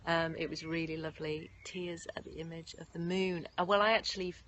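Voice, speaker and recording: Woman, yoga nidra teacher, lowish gentle voice, faint outdoor hum behind. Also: fairly even intonation, brisk. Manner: gentle, effusive, often laughing. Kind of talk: guided meditation and live-stream chat. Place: outdoors in nature. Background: faint birds and distant traffic.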